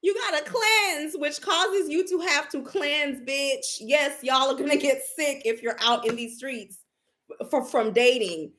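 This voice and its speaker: Her tarot reading is casual, profane and brash, delivered with sassy emphasis at a measured pace. The psychic, a woman from a Haitian family, has a high, slightly bright voice.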